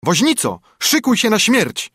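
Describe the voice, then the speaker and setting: A tiny sparrow, fierce and out for revenge, taunts in a high, shrill cry, as a man puts him on. The voice is a little husky, and the dry recording stays close and plain. It is a storybook reading. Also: wildly swooping pitch, normal speed, a bit bright, dry recording, full character voice. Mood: threatening. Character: small fierce vengeful male sparrow.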